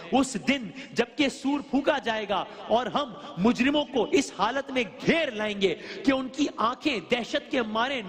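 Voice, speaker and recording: Religious speaker, woman, earnest lecturing tone, asks listeners rhetorical questions, voice carried by a long hall reverb. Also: on the high side. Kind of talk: religious lecture explaining scripture.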